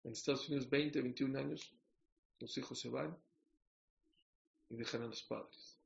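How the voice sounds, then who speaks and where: A man's voice: mid-range voice, steady tone, measured pace, creaky, lo-fi sound. A man preaching a sermon, telling a parable and asking his listeners questions. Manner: storytelling with questions to the audience.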